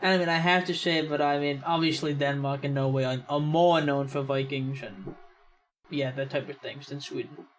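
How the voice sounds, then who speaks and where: Rambling young American man, slightly high voice. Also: moderate pace, a little hiss or hum, poor audio. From United States. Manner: relaxed, rambling, lots of "I mean" and "yeah". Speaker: reaction channel host. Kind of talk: casual video reaction commentary.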